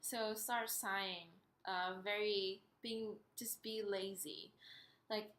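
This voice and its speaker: A woman giving an instructional singing lesson, explaining step by step in a hesitant, pausing way. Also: medium pitch, steady tone, fairly bright tone. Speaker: singing teacher. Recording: roomy, echoey sound.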